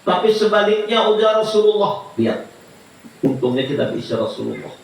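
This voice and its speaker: A man preaching a sermon, lively and jokey, often rising into high pleading cries. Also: normal speed, slight background noise. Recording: echoey hall from far off.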